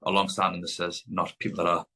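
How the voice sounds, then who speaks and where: A man with a fairly low voice co-hosts a podcast in easy, casual chat. He rambles and corrects himself as he goes, circling back over his own points. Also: level tone, fast, sharp tone. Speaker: podcast co-host.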